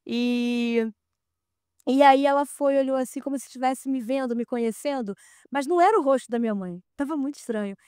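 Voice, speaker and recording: A woman with a Brazilian accent, a podcast guest telling a personal story in a casual, animated way and acting out the dialogue. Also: high voice, a little fast, clean tone, no room sound, clean studio sound. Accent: Brazilian Portuguese.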